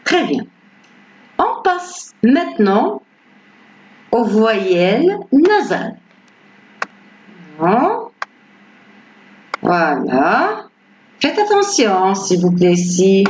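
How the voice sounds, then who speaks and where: A woman teaching beginners French pronunciation, patiently repeating each word slowly and clearly; her first language is Arabic. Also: mid-range voice, huge pitch swings, slight background noise. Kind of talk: slow beginner pronunciation lesson. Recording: roomy, slightly dull recording with faint ambience.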